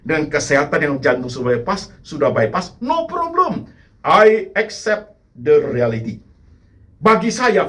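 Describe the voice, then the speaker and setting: A middle-aged male pastor preaching with a very animated, rising and falling voice. He climbs to loud, emphatic peaks and then drops to quiet, low asides to the congregation. English phrases are sprinkled through his sermon. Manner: repeats "saudaraku" to address the congregation.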